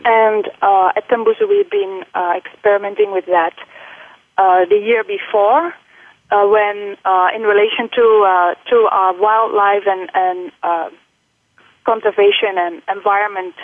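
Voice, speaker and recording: This college faculty member from the Netherlands is being interviewed by phone, her Dutch accent mixed with British and American touches. She talks at a measured pace in a mid-range voice, hesitating with frequent fillers and false starts, on a dry recording.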